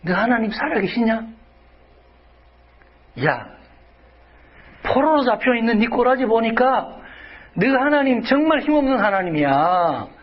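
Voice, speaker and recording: A man preaching acts out a scornful male mocker who loudly taunts a believer in a high, jeering voice. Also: big pitch swings, measured pace, pauses often, highs cut off, heavily acted. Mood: mocking.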